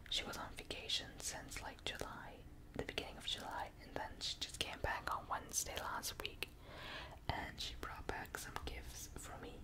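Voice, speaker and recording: A young person speaks entirely in a soft whisper, very slowly and without hurry. The delivery is a casual ASMR ramble, breathy and intimate, placed right up at the ears through a close binaural microphone. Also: low-quality recording. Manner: whispering ear to ear, close to the listener. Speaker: ASMR video maker.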